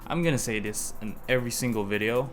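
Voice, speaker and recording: A man's voice: mid-range voice, fast talker, faint music behind. A young man hosting his own car project vlog, talking loosely to camera with frequent restarts. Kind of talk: casual vlog talk to camera.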